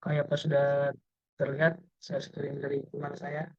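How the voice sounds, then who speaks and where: A young man playing a company representative in a role-played group assessment, talking haltingly with many filler sounds over a video call. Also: a little high, monotone, husky, no echo, dull audio. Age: young adult.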